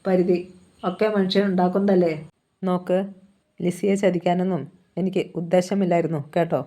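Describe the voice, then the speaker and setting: A woman reading the lines of a scheming male killer who coaxes a woman with low, persuasive talk. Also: little pitch movement, normal speed, mellow, lightly acted. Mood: coaxing. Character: scheming smooth-talking male killer seducer.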